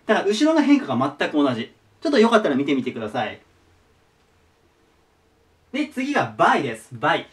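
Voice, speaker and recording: Male tutor, patient, repeats forms, very animated pitch, a bit off-mic. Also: brisk, long pauses, recorded from a distance. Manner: patient, repeats each word form. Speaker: teacher. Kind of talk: explaining English vocabulary to students.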